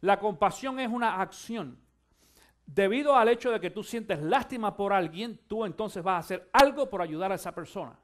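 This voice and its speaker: A male pastor preaching a sermon, shifting from quiet musing to loud, fervent exhortation and urging his listeners to listen. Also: sits high, expressive, normal speed. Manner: addresses listeners directly, urging them to listen.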